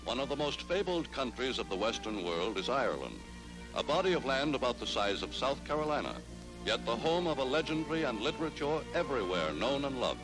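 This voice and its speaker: A man's voice: mid-range voice, very animated, fairly quick, over music, rough recording. A man giving formal, declamatory documentary narration on an old newsreel soundtrack. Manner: formal, declamatory announcer delivery.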